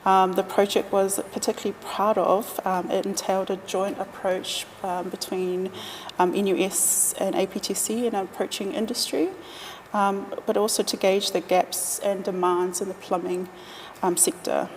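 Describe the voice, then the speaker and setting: A woman gives formal, halting interview answers as an operations manager. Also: medium pitch, level tone. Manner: formal, halting with frequent ums. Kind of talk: interview answers, partly prepared. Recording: noisy, reverberant hall with ambient sound.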